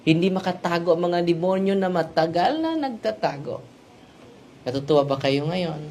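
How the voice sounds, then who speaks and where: Slow-talking priest preaching. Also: male voice, a little high, darkish tone, slight background noise. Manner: storytelling, with frequent "no?" tag questions. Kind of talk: sermon.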